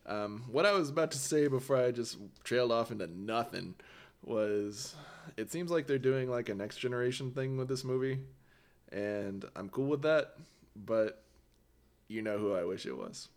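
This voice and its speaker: A man's voice: mid-range voice, moderate pace. A man co-hosting a podcast, chatting casually about movies, joking and laughing often. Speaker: podcast co-host.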